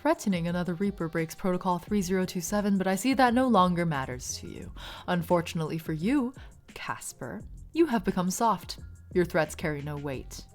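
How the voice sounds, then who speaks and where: A woman's voice: lowish voice, lively intonation, a little fast, darkish tone, soft background music, natural voice. A woman voicing a rule-bound male grim reaper enforcer in a game, speaking stiffly and dismissively. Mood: cold.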